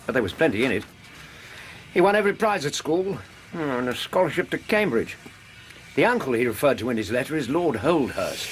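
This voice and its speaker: An actor playing a genial Victorian British doctor who narrates in a literary manner in a radio drama. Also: male voice, medium pitch, very animated, brisk, a little hiss or hum, natural voice, rough recording. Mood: genial, reminiscing. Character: genial Victorian English doctor, sidekick and storyteller.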